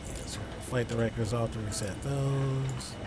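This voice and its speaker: A man streams a flight simulator, casually thinking aloud in short muttered fragments. His voice sits at an average pitch, and steady aircraft ambience is clearly audible behind him. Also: unhurried. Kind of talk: casual gameplay commentary, thinking aloud through procedures. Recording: clear background vehicle-like noise.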